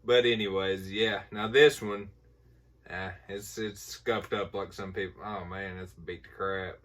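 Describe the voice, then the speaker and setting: Low-voiced man with Appalachian hillbilly accent. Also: steady tone, a little slow, a bit bright. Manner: folksy, informal. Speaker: movie collector showing a haul. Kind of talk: casual rambling haul vlog. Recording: voice distant from the mic.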